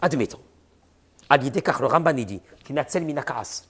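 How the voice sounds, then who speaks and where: A rabbi teaches a religious class, his medium-pitched voice brisk and slightly rough. He is animated, posing rhetorical questions to his listeners and acting out the voices of the people he describes.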